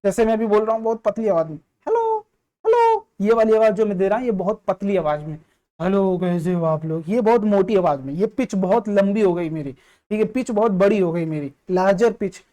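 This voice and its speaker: Mellow-voiced male physics teacher. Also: high-pitched, fast talker. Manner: explanatory, keeps checking with students; mixes in English terms and phrases. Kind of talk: online exam-prep lesson.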